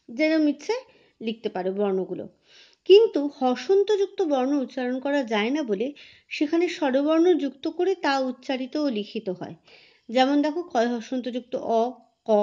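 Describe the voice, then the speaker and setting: A woman teacher talks her pupils patiently through a lesson, her voice high-pitched. She often stops to correct herself. The recording sounds a little dull and lo-fi. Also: dark tone. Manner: patient, explanatory, self-correcting. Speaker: school teacher.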